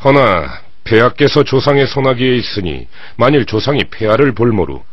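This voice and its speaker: A man's voice: medium pitch, very animated, moderate pace, no echo. A man playing a dutiful, shrewd warlord's son in a dubbed historical animation, speaking formally and respectfully. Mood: measured concern. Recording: muffled dub with background music.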